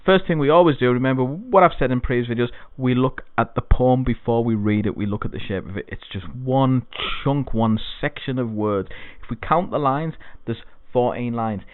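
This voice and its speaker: A man's voice: medium pitch, normal speed, hardly any pauses, no echo. A man teaching an exam-prep poetry lesson, explaining things patiently and repeating key points. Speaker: English tutor. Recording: dry, phone-like lo-fi sound.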